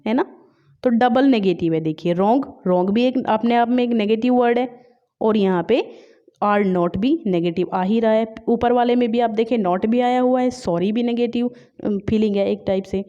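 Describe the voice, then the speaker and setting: A woman teaching English literature for exam prep, explaining in Hindi mixed with English, often checking in with "है ना?" and reading English examples slowly. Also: a little high, warm tone. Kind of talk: online exam-prep class. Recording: dull lo-fi recording.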